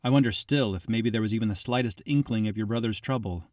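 A man's voice: lowish voice, quick pace, a little mellow, no echo, studio quality. A man narrating a first-person audiobook in a reflective, confiding way. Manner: reflective, confiding, addressing the listener as "you".

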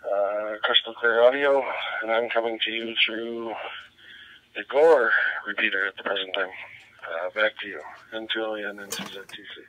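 A man's voice: on the low side, fairly even intonation, moderate pace, lo-fi sound. A man making a casual ham radio contact, heard over a crackly two-way radio transmission. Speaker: amateur radio operator. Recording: noisy radio audio picked up in room.

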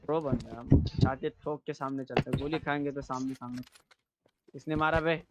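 A man's voice: mid-range voice, steady tone, moderate pace. A young man teasing and boasting, calling out moves while playing an online shooter with friends. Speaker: gamer. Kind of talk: casual gaming chat. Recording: dull lo-fi voice chat with faint noise.

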